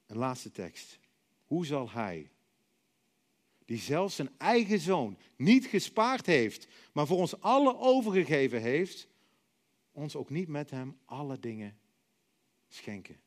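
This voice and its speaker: A middle-aged male preacher with a fairly high voice and a very lively, swinging pitch. He tells his stories dramatically and lets many phrases sink to a soft, quiet finish. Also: slow, pauses often. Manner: dramatic storytelling, acting out voices and dropping to soft, quiet endings. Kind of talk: sermon.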